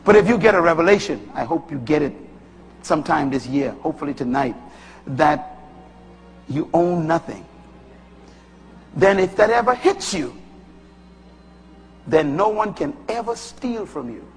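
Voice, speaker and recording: A man from the Bahamas with a Bahamian accent, preaching a sermon with emphatic bursts that rise high and drop low. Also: animated, unhurried, long pauses, faint music behind. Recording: long hall reverb.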